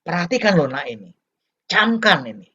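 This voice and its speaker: A man's voice: a little high, very animated, normal speed, bright, forceful tone, husky, heavily acted. A man voicing a nagging middle-aged mother who scolds her child and keeps insisting that things are important. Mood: insistent. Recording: dull lo-fi recording.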